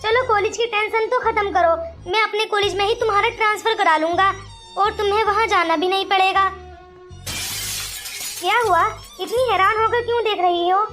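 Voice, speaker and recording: A woman's voice: extremely high pitch, fairly even intonation, moderate pace, soft background music. A woman voicing a protective young man. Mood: firm. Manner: firm, reassuring, sometimes shouting. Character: young man, the brother-in-law, protective and kind.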